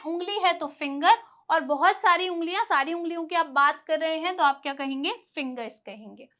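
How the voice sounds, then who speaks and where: A woman's voice: very high-pitched, pushed and bright. A woman teaching a vocabulary lesson, patiently explaining and drilling by asking her own questions and answering them. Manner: explains patiently, stressing pronunciation.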